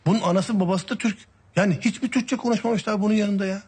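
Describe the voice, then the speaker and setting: A quick, wary younger brother. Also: male voice, high voice, steady tone, a little mellow, husky. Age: young adult. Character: young brother Sadık, sulky and wary, man.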